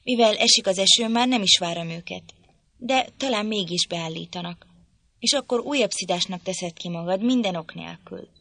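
Audiobook figure, imperious young lady, sharp, petulant, commanding, woman reading. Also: mid-range voice, gravelly, no echo. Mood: irritated. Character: proud, irritable young lady, quick to scold.

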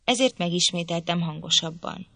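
A woman narrating a literary audiobook in a measured, even storytelling manner. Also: lowish voice, no room sound.

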